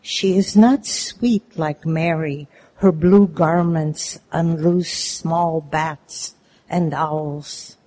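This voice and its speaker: A reader delivering a poem in a measured, solemn, deliberate way. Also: mid-range voice, steady tone, warm tone. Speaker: poetry reader. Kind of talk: slow solemn poetry reading.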